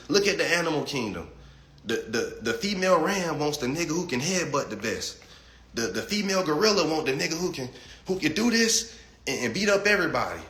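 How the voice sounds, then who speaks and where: A man in his late twenties hosts a casual livestream, reading chat comments and speaking bluntly and profanely. His voice is fairly high and fairly bright, with a reverberant sound. He often repeats words as he starts a thought.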